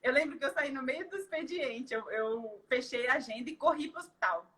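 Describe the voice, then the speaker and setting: Bright-voiced woman giving a heartfelt testimony. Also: sits high, brisk. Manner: tearful, heartfelt storytelling with many fillers. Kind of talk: emotional personal testimony.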